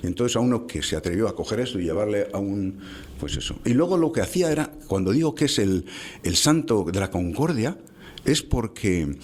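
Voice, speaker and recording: A man, telling local history anecdotes in conversation, halting with many restarts. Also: medium pitch, darkish tone. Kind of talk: conversational storytelling.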